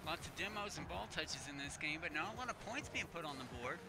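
A man giving play-by-play commentary on a school esports match, steady and easygoing, lifting on near misses. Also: on the high side, a little fast, heavy background noise.

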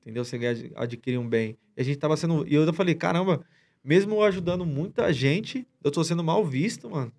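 A man's voice: a little high, lively intonation, brisk, darkish tone. A man as a podcast guest, retelling a story in a rambling, slangy way with many restarts. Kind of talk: casual storytelling chat.

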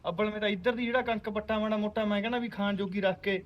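An actor playing a dutiful Punjabi son-in-law, reassuring briskly. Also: male voice, high voice, fairly even intonation, highs cut off, close to an everyday voice.

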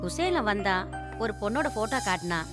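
A woman's voice: medium pitch, very animated, a little fast, lightly acted. An actress playing an older mother who scolds and nags her son about marriage, over film music. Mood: nagging. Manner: scolding, complaining. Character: nagging older mother pushing son to marry. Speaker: hero's mother. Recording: loud film music behind.

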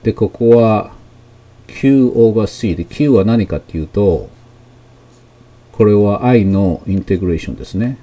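A man gives a math lesson in a fairly low, warm, mellow voice. He explains slowly and patiently, pausing often with fillers between terms. His first language is Japanese. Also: lively intonation. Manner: slow, explanatory, with many fillers and pauses. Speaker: math teacher. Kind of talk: lecture explaining technical English terms.

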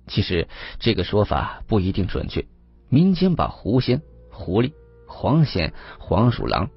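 A man with a low, slightly husky voice tells a serialized ghost-lore story in the first person, his pitch rising and falling with lively contour. The take is dry and close but a little muffled, with faint music underneath. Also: dry recording. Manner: steady storytelling with measured emphasis. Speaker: audiobook narrator. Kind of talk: serialized audio story narration.

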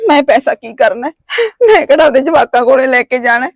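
A woman's voice: sits high, quick pace, no room sound. A woman playing a tearful, pleading village wife. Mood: earnest pleading. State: crying. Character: distraught village woman thrown out by her in-laws. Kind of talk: amateur short-film acting.

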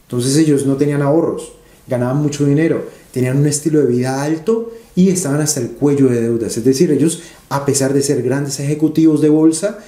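A man's voice: medium pitch, brisk, warm tone, roomy sound. A man, an interview guest telling stories animatedly and repeating phrases for emphasis. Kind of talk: conversational interview storytelling.

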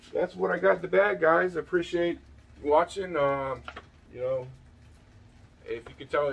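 A man with a mid-range voice, recorded well away from the mic with a bit of hiss or hum, chats casually about his thrift finds on a back porch at night. His vlog show-and-tell rambles along with many fillers and restarts.

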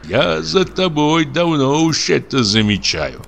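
A man's voice: on the high side, sing-song, takes it slowly, gravelly, a bit bright, a little hiss or hum, pitched above the performer's own voice, exaggerated voice. A man voicing a frightened, superstitious village deacon who grumbles and rants tearfully. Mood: ranting. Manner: grumbling, accusing, tearful muttering.

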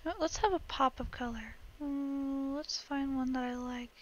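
A young woman who vlogs games talks casually over a building game, rambling, laughing lightly and cracking her voice at times. She has a high voice and a moderate pace, and the recording lacks high frequencies.

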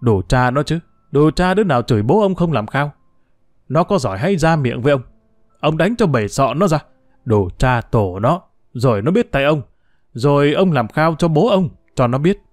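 A man's voice: a little high, animated, normal speed, dry recording, studio quality, close to an everyday voice. A man narrator voicing a hot-headed grown son who blusters and threatens. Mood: furious.

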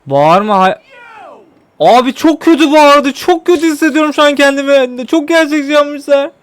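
High-voiced man narrating gameplay. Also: expressive, moderate pace, no room sound. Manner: talks to the game character, pleading and apologetic. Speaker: gameplay streamer. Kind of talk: casual gameplay commentary.

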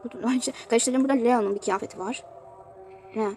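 A woman's voice: fairly high pitch, fairly quick, warm tone, slight background noise. A woman giving casual commentary on a mobile game she is playing, chatty and prone to exasperated outbursts. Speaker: youtuber showing a mobile game.

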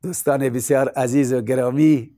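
A man opening a religious lecture calmly and formally. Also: medium pitch, no room sound, clean studio sound. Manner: calm, formal, pious address. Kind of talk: sermon-like talk.

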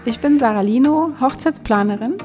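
A woman's voice: on the high side, a little fast, mellow, faint music behind. A woman hosting a wedding podcast, chatting in an upbeat, laughing way. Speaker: podcast host, wedding planner.

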